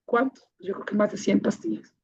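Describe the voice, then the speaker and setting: Woman speaker, husky voice, heartfelt testimony, dull muffled recording. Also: mid-range voice, moderate pace, darkish tone. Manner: emotional, repeats key phrases for emphasis. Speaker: speaker sharing her life story, founder of a child-protection association. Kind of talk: personal testimony talk to an audience.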